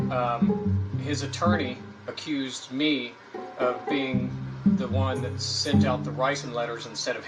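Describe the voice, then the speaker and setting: A man giving a halting statement to news cameras, stumbling over fillers. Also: mid-range voice, low-quality recording. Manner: halting, hesitant, many fillers. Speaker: news interviewee.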